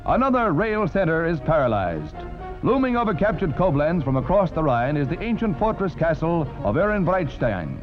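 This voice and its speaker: An American man delivers scripted 1940s newsreel narration in a dramatic, declamatory style, his fairly high voice swinging widely in pitch at a moderate pace. It's a studio voice-over with the highs cut off, set against loud orchestral music from a vintage soundtrack.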